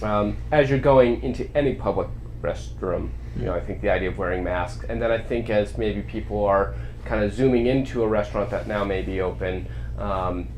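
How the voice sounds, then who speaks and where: A man hosting an informal community interview, asking rambling questions in a halting, conversational way. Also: lowish voice, a little mellow, a little hiss or hum, rough recording. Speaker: host.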